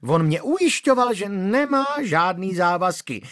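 A man voicing an angry widow who shrieks and scolds her deceitful suitor in a shrill voice. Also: sing-song, fairly bright tone. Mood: shrill, scolding. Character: shrieking, furious middle-aged widow, woman. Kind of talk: audiobook character voice.

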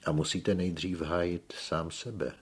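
A man reads as a stern village schoolteacher in an audiobook, speaking curtly and dryly. The voice is deep and husky. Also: fairly even intonation. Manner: dry, curt.

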